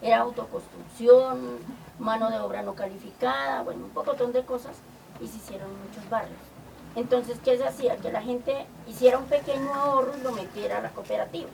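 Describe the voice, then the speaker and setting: An older woman recounts her life as a community organizer, slipping into the voices of the people she met. Her voice sits a bit high and has a gravelly edge. She is recorded from some distance, with clear background noise. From Colombia. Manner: lively anecdotal storytelling with quoted dialogue. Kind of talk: storytelling.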